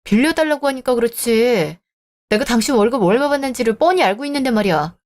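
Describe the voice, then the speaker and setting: Sharp reproachful woman in a radio drama. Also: fairly high pitch, animated, fast talker. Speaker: story narrator voicing a wife. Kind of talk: Korean radio drama acting.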